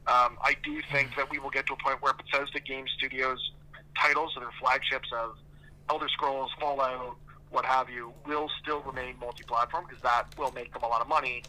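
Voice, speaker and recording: A man heard through a phone on speakerphone, giving a calm, measured take as a guest on a casual chat. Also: medium pitch. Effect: heard over a phone speaker. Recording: tinny phone speaker held near the mic.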